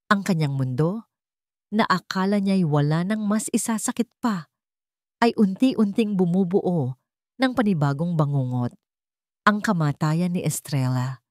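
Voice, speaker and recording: Reading a dramatic story from a script, a woman speaks with a Filipino accent and a voice that's fairly low for a woman. The recording is close-miked and dry, with almost no room sound.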